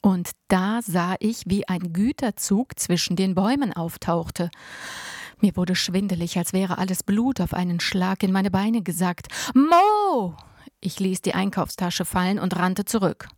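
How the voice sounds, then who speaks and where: Woman narrator, first-person audiobook, expressive, close dry sound. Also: on the low side, measured pace, no room sound. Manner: lively, expressive reading.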